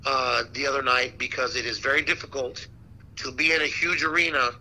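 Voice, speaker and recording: Bright, slangy man chatting casually. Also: mid-range voice, fairly quick, rough recording. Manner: slangy, animated storytelling with repeated "man" and "dude". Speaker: boxing ring announcer, interview guest. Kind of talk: casual chat.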